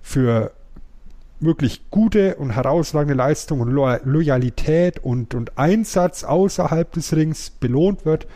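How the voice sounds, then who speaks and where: A man with a somewhat high, mellow voice hosts a casual podcast chat. He pauses often on fillers and keeps picking his thread back up. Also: animated. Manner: hesitant, many fillers.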